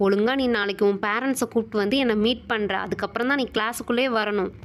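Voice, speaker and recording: A woman's voice: medium pitch, fairly even intonation, fast, close to an everyday voice. A woman voicing a strict female schoolteacher in a doll show, scolding her pupils. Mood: stern scolding. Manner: scolding, stern.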